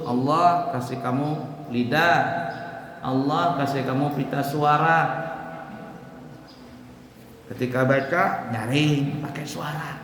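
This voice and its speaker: A man lectures students in an animated sermon. His voice leaps up into shouts and sing-song recitation. He is recorded in a large hall with a long, roomy echo and a faint hum of room noise behind him. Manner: animated, shouting and chanting examples, wide swings in pitch. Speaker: religious teacher addressing students.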